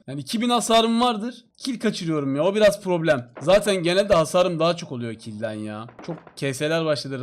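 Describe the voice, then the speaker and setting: A man commentating his own mobile shooter gameplay live to viewers, hoarse from shouting, talking casually with sudden excited yelps and repeated calls. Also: fairly high pitch. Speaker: mobile shooter game streamer.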